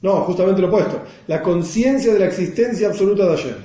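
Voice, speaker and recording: A man's voice: sits high, fast, dark tone, reverberant. Argentine man teaching a text class. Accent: Argentine Spanish. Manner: reads Hebrew phrases then explains them, checks on the students.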